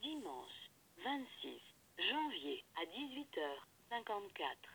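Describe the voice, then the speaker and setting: A woman's automated voice on an answering machine, announcing the day and time of a message in a slow, evenly spaced readout. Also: medium pitch, very animated, a bit bright, slight background noise, poor audio. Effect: answering machine date-and-time announcement.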